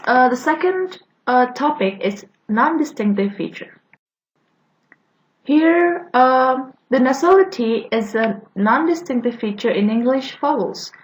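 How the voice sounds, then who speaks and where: Halting young woman giving a class talk. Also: a little high, low-quality recording. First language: Indonesian. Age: young adult. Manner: halting, with frequent "uh" fillers and restarts. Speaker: student presenter. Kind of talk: class presentation on phonetics.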